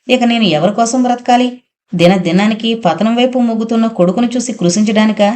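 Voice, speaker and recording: A woman's voice: medium pitch, darkish tone, natural voice. A woman reading a distraught, lamenting wife. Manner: anguished, lamenting. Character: grieving wife, distraught and tearful. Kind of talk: audiobook character voice.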